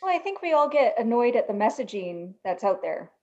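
A woman's voice: fairly high pitch, very animated, brisk, a little mellow, dull audio. A woman speaking as a therapist in a casual podcast panel discussion.

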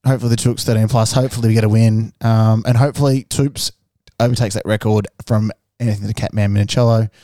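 A man's voice: on the low side, steady tone, fast, dark tone, no room sound, studio quality. A man with an Australian accent co-hosting a podcast, chatting about sport in a laid-back, matey, slangy way. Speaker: podcast co-host. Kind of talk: casual sports banter.

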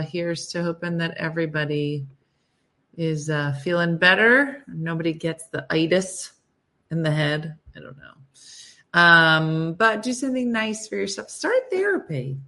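A woman with a slightly low voice hosts a casual livestream. She sounds listless and low on energy, and she talks to her viewers in a dry, deadpan way. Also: unhurried. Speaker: host of a morning livestream show.

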